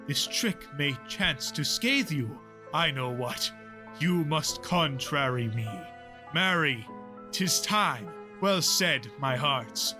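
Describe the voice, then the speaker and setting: Man acting an older lord, Shakespeare audio play, imperious, quick-tempered, high-pitched, deliberate pace. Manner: imperious scolding, declaimed Shakespearean verse. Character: commanding older lord, host of a feast, quick-tempered uncle. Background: music.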